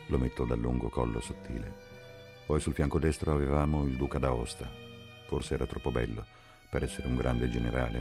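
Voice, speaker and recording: A man reading a novel aloud in a measured, sober narration. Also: very deep voice, mellow. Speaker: audiobook reader. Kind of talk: literary audiobook narration.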